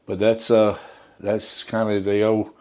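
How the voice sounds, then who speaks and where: An older undertaker from Appalachia speaks softly and haltingly in a reflective interview, restarting many times. His voice is lowish and monotone.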